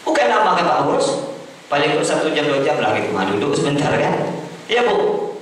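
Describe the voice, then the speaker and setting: Guy preaching, pitch jumps all over, big echoey hall, mic far off. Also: very animated, fast talker, a little hiss or hum. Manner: swings between loud high calls and low mutters, asks the room for agreement. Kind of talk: sermon. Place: prayer hall.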